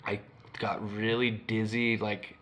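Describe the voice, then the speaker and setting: Young male podcast co-host, lowish voice, rambling storyteller who swears freely and says "like" constantly. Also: level tone, slow pace, fairly bright tone. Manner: rambling, swears a lot, many "like" fillers. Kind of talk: casual storytelling chat.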